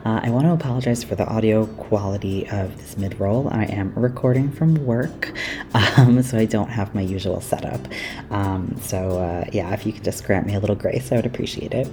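A woman podcast host reading mid-roll announcements in a relaxed, chatty way full of ums, recorded at work away from her usual setup in lower-quality audio. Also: normal speed, background noise. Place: workplace, not the usual studio.

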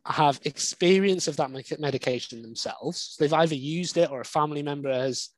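A man's voice: fairly high pitch, brisk, no room sound, low-quality recording. Man, dry close sound. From Wales. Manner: candid, conversational, explains at length. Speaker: dog behaviourist. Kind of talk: podcast interview.

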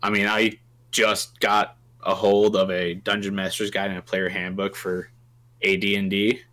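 A man's voice: lowish voice, level tone, moderate pace, sharp tone. A man co-hosting a casual tabletop gaming podcast, telling stories with lots of restarts. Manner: rambling, self-interrupting storyteller. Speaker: podcast co-host. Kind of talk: casual chat.

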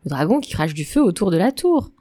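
A woman's voice: on the low side, sing-song, a little fast, warm tone. A woman voicing a pompous young male knight who protests emphatically and stammers when thrown. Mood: flustered insistent.

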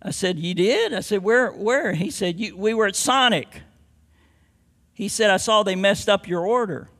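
A man's voice: high voice, moderate pace, a bit bright. A man preaching a sermon as a pastor, mixing scripture with homely stories and rising to emphatic declarations.

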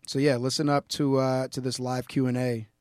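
A man's voice: mid-range voice, a little fast, dry recording. Easygoing man podcast host, casual chat, dry close sound. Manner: relaxed, easygoing.

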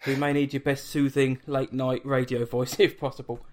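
An Englishman hosts a film podcast from home late at night, chatting casually with a guest over an online call; he's self-deprecating and often restarts his sentences. His mid-range voice sounds darkish, with a level tone and normal speed.

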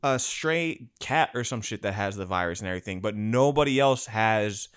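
A man's voice: fairly low pitch, moderate pace, clear, resonant tone. Blunt, swearing man in casual chat. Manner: blunt, heavy swearing, animated rants.

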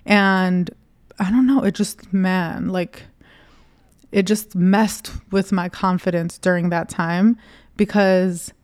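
A woman in her thirties chats on her solo podcast in a smooth, clear voice, recorded close and dry. She talks candidly and loosely, full of "like" and little jokes at her own expense. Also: mid-range voice, a little mellow, no room sound. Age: 30s. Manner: chatty, candid, self-deprecating with filler "like". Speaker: podcast host. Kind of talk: casual solo podcast talk.

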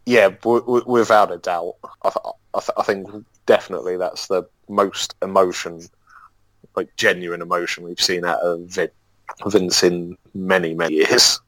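A man co-hosting a podcast, chatting casually in a rambling, halting way. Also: deep voice, fairly even intonation, fairly bright tone, dry recording, poor audio. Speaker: podcast co-host. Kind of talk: casual review chat.

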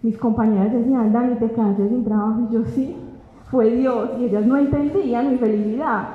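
A woman's voice: a little high, steady tone, fast talker. Woman sharing a testimony, echoey and tinny. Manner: emotional storytelling, acting out dialogue. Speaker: testimony giver. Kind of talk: personal faith testimony. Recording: echoey hall, tinny phone-like sound.

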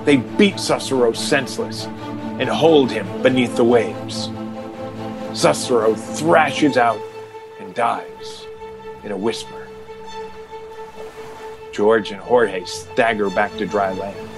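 A man's voice: mid-range voice, slow, over music. A man narrating an audio drama in a dramatic, scripted style.

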